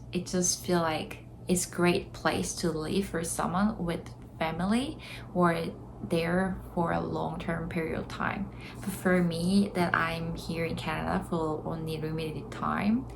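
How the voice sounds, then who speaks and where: Speaking English with a Korean accent, a young woman from South Korea talks to camera in a chatty, sincere vlog, laughing between ideas. She has a fairly low pitch with vocal fry, and the background is noisy.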